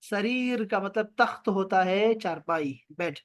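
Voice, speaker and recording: A man teaching Arabic in an online class over a video call, drawing out the Arabic phrases slowly and explaining them briskly, often teasing his students. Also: sits high, expressive. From Pakistan. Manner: slow drawn-out Arabic examples, brisk explanations.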